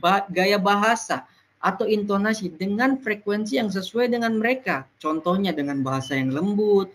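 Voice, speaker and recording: A presenter giving an educational talk to peers, explaining point by point with frequent pauses on "nah". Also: medium pitch, a bit bright, a little hiss or hum.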